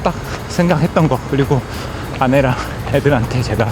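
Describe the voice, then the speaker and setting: A man's voice: mid-range voice, a little fast. Man talking while running, music behind. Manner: talking while running, in short broken phrases. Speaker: running content creator. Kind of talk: casual vlog monologue. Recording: music over outdoor recording.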